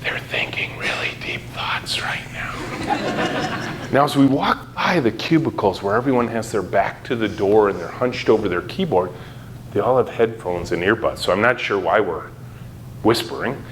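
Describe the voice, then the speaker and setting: A middle-aged man giving a conference keynote talk, telling stories in an animated way and acting out quotes with sudden jumps in pitch. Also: moderate pace, slight background noise. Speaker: keynote speaker. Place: conference hall.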